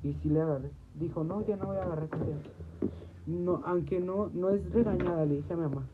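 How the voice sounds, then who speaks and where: A woman's voice: fairly low pitch, a little fast. A woman, hosting a livestream and telling a long story to her viewers, repeating and restarting her phrases. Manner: repetitive, restarts phrases, quotes herself often. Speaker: livestream host. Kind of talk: casual rambling storytelling to viewers. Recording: noisy tinny phone audio.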